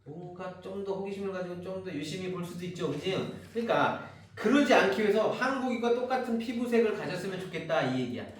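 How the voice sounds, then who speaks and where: A man's voice: high-pitched, animated, quick pace. A middle-aged man from Seoul lecturing a class as a cram school literature teacher, casual and teasing, often checking in with "right?". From Seoul, South Korea. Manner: casual and chatty, teasing, keeps asking "right?". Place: large classroom. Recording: echoey classroom from far off, faint noise.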